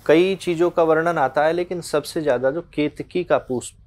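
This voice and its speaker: A man's voice: on the high side, normal speed, darkish tone, dry recording. A man working as a spiritual teacher, patiently explaining worship rules in an interview and weaving in devotional stories.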